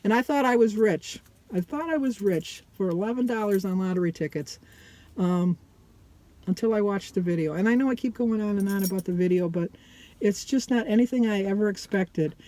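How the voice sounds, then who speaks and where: A mature woman talks casually to her online viewers. Her delivery is chatty and loose, wandering from one thought to the next and often restarting sentences. Her pitch sits in a middle range. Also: brisk, dark tone. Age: middle-aged or older. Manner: chatty and rambling, often breaking off mid-sentence. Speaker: vlogger.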